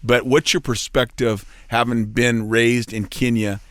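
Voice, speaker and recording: A man's voice: mid-range voice, little pitch movement, unhurried, fairly bright tone, no echo. A man hosting a health radio show, asking rambling questions with enthusiasm into a studio microphone. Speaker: radio host, physical therapist. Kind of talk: radio interview.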